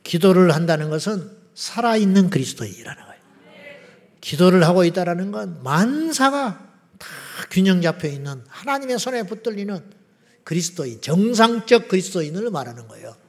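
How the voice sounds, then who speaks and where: A man preaching a sermon as pastor, acting out quoted prayers and rising to loud cries. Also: high voice, lively intonation, fairly quick. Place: large church sanctuary. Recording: long hall reverb from church sanctuary.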